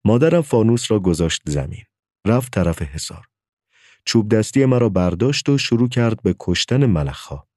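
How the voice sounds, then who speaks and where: A man's voice: on the low side, sing-song, a little mellow, no echo, studio quality. A man narrating a story as an audiobook, telling it expressively.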